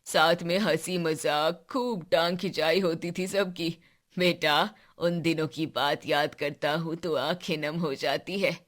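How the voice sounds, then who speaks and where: A woman voicing an elderly grandfather, a former soldier, who talks slowly and fondly in a cartoon story. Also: deep voice. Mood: nostalgic. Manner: slow, fond, scolding then gentle.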